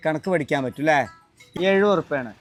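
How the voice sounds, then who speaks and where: A man's voice: a little high, expressive, fast talker, soft background music. Playful man quizzing kids at a roadside stall. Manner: playful quizzing, gentle teasing questions. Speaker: vlogger host. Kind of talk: casual vlog chat with children.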